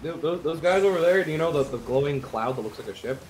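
A man's voice: a little high, animated, quick pace, a little mellow, slight background noise. A man hosting a casual gameplay chat with friends, playful and directing his crew. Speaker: gaming host.

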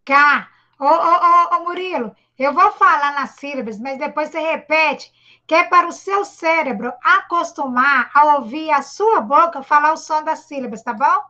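A Brazilian woman with a high, bright voice gives a patient reading lesson to a young child. She encourages him gently and sounds out each syllable slowly. The sound is dull and lo-fi, as on a video call. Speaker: primary school teacher. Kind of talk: online literacy lesson for a child.

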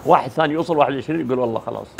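A man's voice: medium pitch, very fast, creaky, a little mellow, slight background noise. A man giving a motivational religious talk, emphatic, asking rhetorical questions and mimicking the people he describes. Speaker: motivational speaker.

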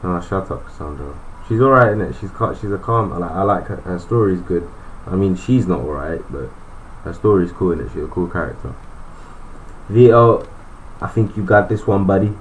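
A man talks through a video game in a loose, joking way, thinking out loud. His voice sits fairly low. Faint noise runs in the background. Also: lively intonation, normal speed, low-quality recording. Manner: chatty, joking, thinks aloud. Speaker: gaming YouTuber. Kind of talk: casual gameplay commentary.

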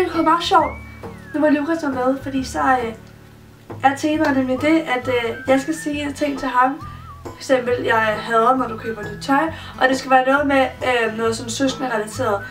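A young woman with a high, bright voice chats and teases her brother in a casual home vlog. She sits a little back from the microphone in her bedroom, and loud music plays behind her throughout. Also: recorded from a distance. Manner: teasing, chatty, hums and sings bits. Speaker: vlogger. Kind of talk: casual chat.

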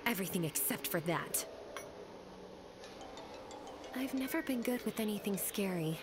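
A woman's voice: on the high side, lightly acted. A woman playing an easily scared, flustered teenage schoolgirl in an anime video game, dramatic and emphatic. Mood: embarrassed.

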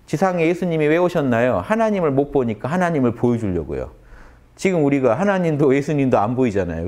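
Guy lecturing on scripture, warm mellow tone, keeps throwing questions at the crowd, acts out the quotes. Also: mid-range voice. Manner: talks to the audience with many rhetorical questions; lively, acts out quoted speech in changed voices. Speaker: lecturer on the Gospel of John. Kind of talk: conversational religious lecture.

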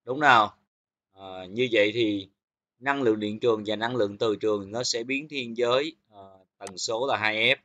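A man's voice: fairly low pitch, normal speed, pushed and bright, lo-fi sound. A man teaching physics, going through exam questions one by one and checking in with his students often. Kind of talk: exam review lesson.

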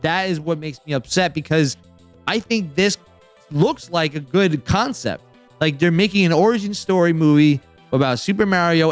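A man hosting a casual roundtable chat, rambling and excitable, full of filler words. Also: fairly high pitch. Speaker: podcast host.

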